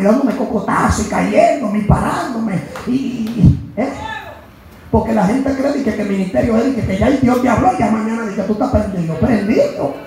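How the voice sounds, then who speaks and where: A man preaching a sermon with a Dominican accent, impassioned, moving between hushed asides and shouted emphasis. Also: high-pitched. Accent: Dominican Spanish. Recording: echoey hall with music behind. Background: music.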